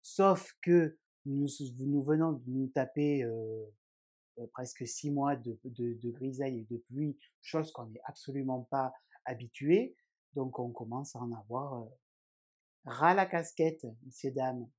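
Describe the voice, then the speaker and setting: A man's voice: medium pitch, unhurried, a little mellow. A man hosting his own knitting podcast indoors at home, chatting casually and rambling with frequent hesitations. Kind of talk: casual chat.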